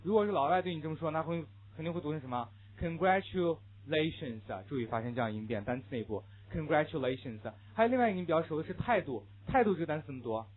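A slightly higher-pitched man with a husky voice lectures a classroom on pronunciation, leading students through phrases to repeat after him. The recording is thin and phone-like, muffled and lo-fi. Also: sing-song, rapid-fire, few pauses. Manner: explains patiently, drills phrases for students to repeat. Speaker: English teacher.

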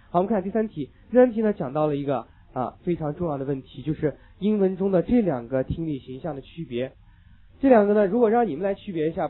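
A man teaching an English listening class, lecturing emphatically, repeating key points and dropping joking asides. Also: on the high side. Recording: tinny lo-fi phone-like recording.

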